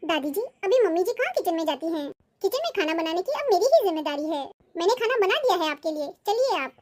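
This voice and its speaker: A woman voicing a sweet young daughter-in-law in a cartoon, sly and quietly pleased. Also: very high-pitched, sing-song, fast. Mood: polite. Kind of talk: cartoon voice acting.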